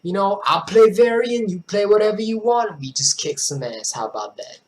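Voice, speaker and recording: A man doing a laid-back young smooth talker who is chatting up a girl in a put-on street accent. His easygoing, rambling patter swoops high and low. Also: expressive, moderate pace.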